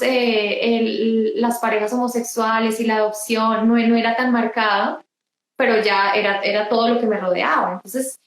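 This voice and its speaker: A woman giving an emotional personal testimony in an interview, halting and restarting often. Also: a little high, echoey room, rough recording. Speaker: interview guest.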